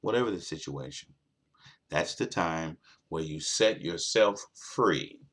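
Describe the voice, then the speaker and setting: A man's voice: low voice, expressive, measured pace, a bit bright, breathy edge. A man hosting a late-night talk show, delivering an earnest motivational monologue that repeats its key points for emphasis.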